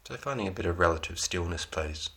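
A man leading a guided relaxation meditation, giving soothing, unhurried instructions in short phrases with pauses between them. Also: low voice, expressive, vocal fry, a bit bright.

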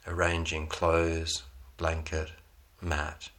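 Very low-pitched man guiding a meditation. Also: monotone, a bit bright. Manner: unhurried, soothing instruction with pauses between short phrases. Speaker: meditation guide. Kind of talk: guided relaxation meditation.

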